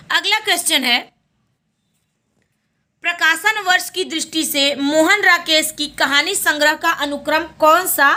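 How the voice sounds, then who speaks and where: With a high-pitched, bright and forceful tone, a woman teaches a Hindi exam lesson, working through questions and repeating each answer back as a quick question and reply.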